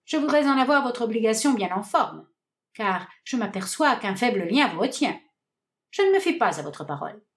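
A woman's voice: a little high, sing-song, moderate pace. A woman voicing a mocking, distrustful young man, a sardonic and challenging rival in love in a read-aloud stage comedy. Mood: taunting.

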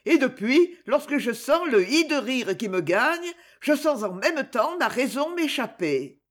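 A haunted, half-mad mother with a hollow, trembling voice that sits high and swings widely, as in a storybook reading, with a woman putting her on. She sounds gripped by dread throughout. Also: very animated, unhurried, heavily acted. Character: crazed terrified middle-aged mother, haunted by memories.

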